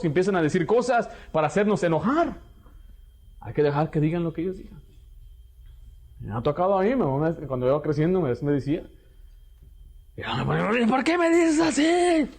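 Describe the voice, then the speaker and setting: A man preaching a radio sermon, animated and acting out quoted parents and children. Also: sits high.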